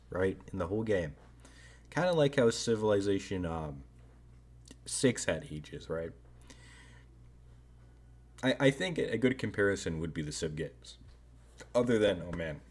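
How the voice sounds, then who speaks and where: A man with a low, husky voice talks through his thoughts in loose, off-the-cuff commentary. He hedges and rambles, often ending a thought with a questioning tag. The delivery is relaxed and unscripted. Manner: rambling, hedging, frequent "right?" tags. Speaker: strategy game commentator. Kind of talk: casual video commentary.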